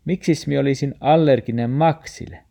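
A man reading a storybook, playing a kind, reassuring grandfather who coaxes gently in dialect. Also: mid-range voice, creaky, voice pushed up, close to an everyday voice. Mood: coaxing. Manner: warm coaxing dialect speech.

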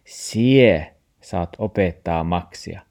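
A man playing a calm, patient old grandfather in a storybook, speaking slowly and soothingly. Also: low-pitched. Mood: reassuring. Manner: slow, soothing and reassuring.

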